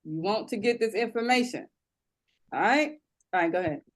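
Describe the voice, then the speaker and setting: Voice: medium pitch, expressive, moderate pace. A panel moderator hosting a live event, upbeat and directing the audience.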